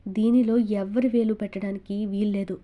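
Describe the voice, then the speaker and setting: Woman doing a bitter, vengeful young man, slightly lowered, warm dark tone. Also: steady tone, moderate pace, natural voice. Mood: stubborn. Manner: stubborn, bitter.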